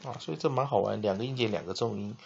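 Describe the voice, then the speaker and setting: Gravelly low-voiced man teaching spelling. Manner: spells words letter by letter and repeats them slowly, frequent "ah" fillers. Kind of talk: classroom-style lesson explanation. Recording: dull lo-fi recording with faint noise.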